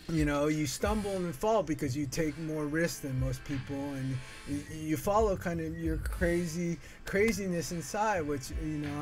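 A middle-aged man from Northern California hosting his art channel, talking casually and earnestly with many fillers while he draws at a home desk. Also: on the high side. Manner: rambling, filler-heavy, earnest. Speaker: artist and channel host. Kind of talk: casual monologue while drawing.

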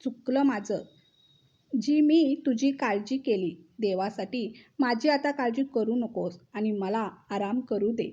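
A woman's voice: on the high side, slow pace, warm tone, dull audio. A woman voicing an irritable older mother-in-law who scolds and complains, in a storybook reading. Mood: irritated.

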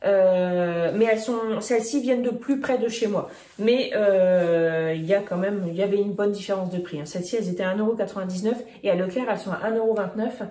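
A woman's voice: mid-range voice, fairly even intonation, a little fast, dark tone. A woman in her thirties, a vlogger chatting casually about her groceries with many fillers and restarts. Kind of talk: casual grocery haul chat. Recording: echoey room, faint noise.

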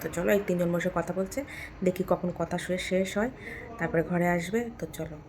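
A woman vlogger chatting casually at home at night, lively while talking with her husband, then speaking softly so a child can sleep. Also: on the low side, normal speed. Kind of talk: casual home vlog chat.

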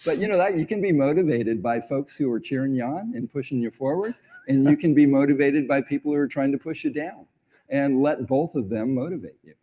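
Speaking at a medium pitch, expressively and a little fast, this middle-aged man has a dark tone. He's an award honoree being interviewed on a large indoor event stage, telling stories earnestly and reflectively, often hesitating, picked up by a lapel mic.

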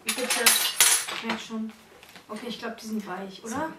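A woman's voice: fairly high pitch, fairly even intonation, unhurried. A woman in her twenties chatting casually and expressively, complaining with disgust during a food challenge vlog. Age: 20s. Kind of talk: casual chat. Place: living room on a couch. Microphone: camera a step or two away. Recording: roomy, distant mic, loud noise, clatter.

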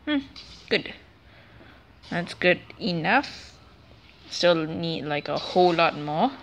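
A woman's voice: lowish voice, expressive, takes it slowly, background noise. A woman giving casual, rambling commentary over a video game let's play, often correcting herself as she talks. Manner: chatty, rambling, self-correcting.

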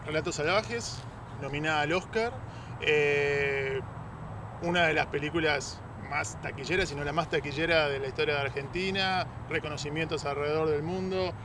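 A man's voice: on the high side, moderate pace. A man interviewing an actor, asking long questions hesitantly while searching for his words. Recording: street and traffic noise.

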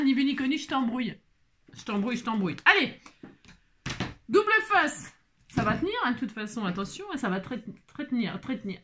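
A woman hosting a casual card-making tutorial, chatty and animated, thinking aloud as she works and dotting her talk with little interjections. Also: on the high side. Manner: chatty and animated, peppered with "hein" and exclamations; talks to herself while working, improvising aloud. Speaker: craft tutorial host.

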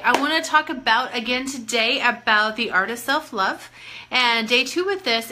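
A woman life coach giving a casual live-stream talk, expressive and playful, swinging between soft asides and loud bursts. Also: a little high. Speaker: life coach and energy healer.

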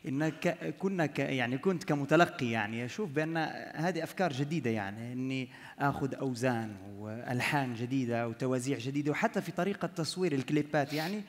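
A man's voice: medium pitch, quick pace. A young man from Morocco, a panel guest who speaks hesitantly with many fillers. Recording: long hall reverb.

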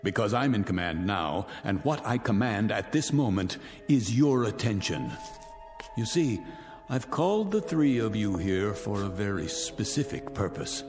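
In a reverberant radio drama with music, a man with a lowish, animated, unhurried voice plays the host of the gathering. He is an actor portraying a bitter, vengeful former soldier who was once disgraced, and he taunts his guests with silky, theatrical menace.

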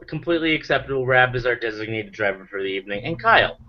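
A man's voice: medium pitch, animated, fast. A drunk man hosting a casual chat, rambling with loose restarts. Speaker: host. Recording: dull lo-fi sound.

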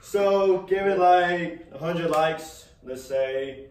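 A young man hosting a challenge video, chatting casually and excitedly with friends. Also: fairly high pitch, takes it slowly. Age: young adult. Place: garage. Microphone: camera a few metres away. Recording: echoey garage, distant mic, noisy.

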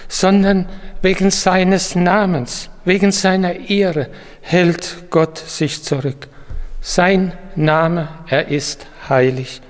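A man preaching a short devotional sermon in a slow, solemn manner. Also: high voice, steady tone. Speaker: pastor. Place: church. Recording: long church reverb.

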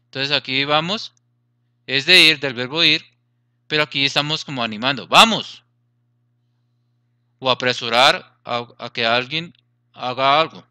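A man's voice: medium pitch, moderate pace, pushed and bright, smooth, no echo, clean studio sound. A man teaching a grammar lesson, explaining patiently, repeating points and checking that students follow.

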